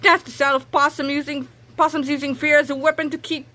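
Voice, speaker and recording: Woman playing Captain Underpants, high and bright. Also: level tone, a little fast. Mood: determined. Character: silly, cheerful, heroic underpants-wearing male superhero.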